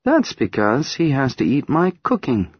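A man's voice: mid-range voice, wildly swooping pitch, moderate pace, slightly rough, no room sound, lo-fi sound, pitched above the performer's own voice. A man voicing a sleepy, playful young mother who teases her family at breakfast in an audiobook. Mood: teasing. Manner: gently teasing, playful.

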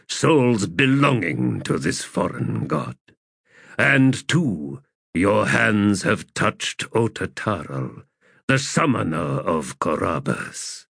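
A stern ancient elder god, voiced by a male audiobook reader, gives grave commands. The voice is low, slow and gravelly. It is recorded close and dry. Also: a bit bright, no echo, full character voice.

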